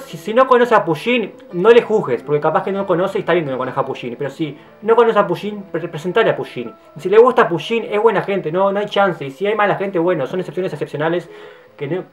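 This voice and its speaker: Un hombre de veintitantos años con acento rioplatense, en un monólogo casual de vlog; habla muy rápido, efusivo y juguetón, se corrige y repite palabras, y a veces baja a comentarios suaves. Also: male voice. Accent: Rioplatense Spanish. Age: 20s. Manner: very fast, tumbling talk with restarts and repeated words; effusive and playful, often trailing into low, soft asides. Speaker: vlogger. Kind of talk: casual monologue to camera. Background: faint guitar music.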